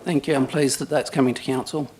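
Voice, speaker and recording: A man's voice: mid-range voice, steady tone, fast, darkish tone, a little hiss or hum. A man, a ratepayer, putting probing, persistent questions to a council meeting. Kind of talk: public question time.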